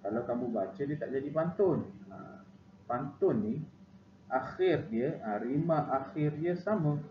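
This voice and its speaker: A man's voice: medium pitch, animated, a little slow. A male primary school teacher with a Malaysian Malay accent, giving a recorded online lesson, repeating himself with frequent "ah" fillers. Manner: repetitive, frequent "ah" fillers, instructive. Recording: echoey, dull lo-fi, noisy.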